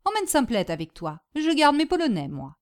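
A woman voicing an excitable, bossy older landlady who scolds loudly and theatrically. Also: high-pitched, moderate pace, pitched above the performer's own voice. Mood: brusque.

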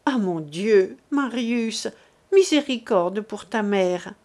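A woman's voice: mid-range voice, expressive, takes it slowly, a little mellow. A woman reading as a desperate pleading mother. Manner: impassioned, imploring.

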